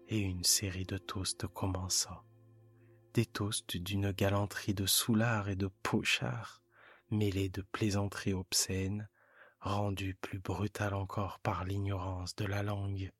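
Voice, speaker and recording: Deep slow hushed male narrator. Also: husky, no echo, faint music behind. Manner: calm, hushed, measured delivery. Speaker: audiobook narrator. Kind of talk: soft bedtime story reading.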